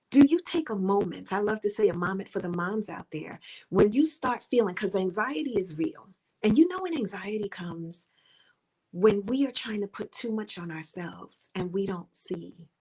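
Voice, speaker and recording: This middle-aged speaker and author addresses the camera with faith-based encouragement, circling back to her points in an earnest, coaching way and at moments sinking into a near-whisper. She has a breathy, mid-range voice, and the recording quality is low.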